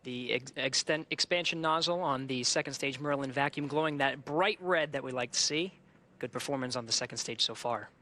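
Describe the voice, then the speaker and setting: Bright, crisp-edged man commentating a launch. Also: medium pitch, fairly quick. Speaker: launch webcast host. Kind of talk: live technical commentary.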